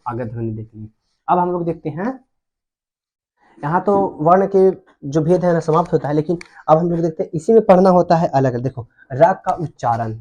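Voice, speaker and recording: A man's voice: a little high, mellow, muffled recording. A man teaching Hindi grammar at a board, who repeats terms and asks his students questions. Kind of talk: whiteboard grammar lesson.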